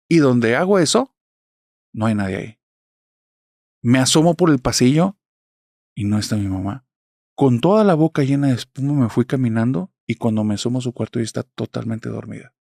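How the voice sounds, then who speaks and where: A man narrating a horror story, retelling it in a steady, intimate first-person voice. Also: medium pitch, no echo, studio quality.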